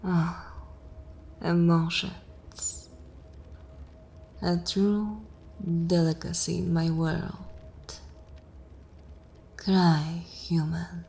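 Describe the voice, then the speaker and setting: A woman voices a seductive, imperious vampire mistress in an ASMR fantasy roleplay, commanding and coldly mocking, at times slipping into breathy whispers. Her voice is fairly low and mellow with a flat delivery, and soft music plays in the background. She is slow, commanding and theatrical, with a mock-tender, ominous mood.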